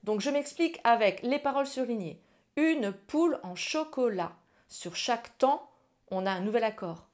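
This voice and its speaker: A woman's voice: a little high, lively intonation, moderate pace, soft background music. A woman giving a casual ukulele lesson, chatting directly to the viewer and walking through strumming patterns. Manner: chatty, addresses viewer as tu, sings lyrics while strumming. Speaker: ukulele teacher. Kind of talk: ukulele tutorial for children's songs. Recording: ukulele loud under voice. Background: ukulele playing.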